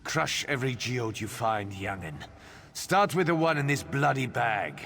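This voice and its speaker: An actor voicing the gruff, cursing ghost of a murdered old farmer in a fantasy video game, with a gravelly voice. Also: male voice, medium pitch, sing-song, a little slow, a bit bright, a little hiss or hum, heavily acted. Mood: bitter, urgent.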